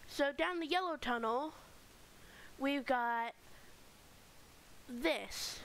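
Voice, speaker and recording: High-voiced woman narrating a game. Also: a bit bright, slight background noise, rough recording. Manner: chatty, rambling tour-guide narration with fillers. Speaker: gaming channel host. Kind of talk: casual Minecraft let's play commentary.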